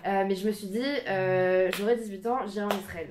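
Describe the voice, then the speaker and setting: A young woman in her twenties the suburbs, giving an informal talk to a small group in a community room, filmed by a camera. She hesitates often, restarts and fills pauses. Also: medium pitch, fairly even intonation, darkish tone, slight background noise. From France, Paris suburbs. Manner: hesitant, many fillers and restarts, self-conscious laughter.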